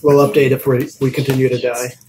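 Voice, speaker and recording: A man's voice: medium pitch, flat delivery, fast talker, dark tone, a little hiss or hum. A man co-hosting a casual video chat, talking in an upbeat, matter-of-fact way. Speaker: co-host.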